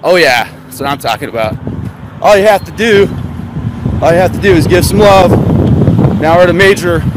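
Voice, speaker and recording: High-voiced man rambling outdoors by traffic. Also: a little fast. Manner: sarcastic, rambling, rhetorical questions. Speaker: conspiracy vlogger. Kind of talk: live-streamed outdoor vlog. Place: outdoors by a road, on foot. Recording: noisy outdoor phone audio with traffic and wind. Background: traffic and wind.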